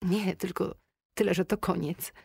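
A woman's voice: lowish voice, steady tone, a little slow, vocal fry, a little mellow, breathy edge, dry recording, studio quality, pitched above the performer's own voice, heavily acted. A woman voicing a weary, heartbroken young woman. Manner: tired, strained voice, sniffling. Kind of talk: audiobook character voice.

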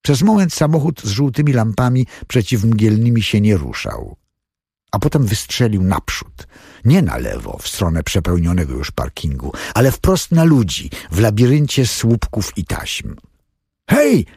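Male narrator, husky, animated pitch, scripted audiobook. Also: moderate pace, dry recording, clean studio sound.

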